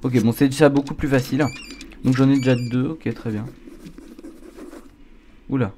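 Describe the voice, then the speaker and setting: A man's voice: medium pitch, fairly even intonation, moderate pace, mellow. Jumpy male horror game streamer, noisy background. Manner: scared, jumpy gamer reacting aloud. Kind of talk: casual horror game commentary. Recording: clear background noise.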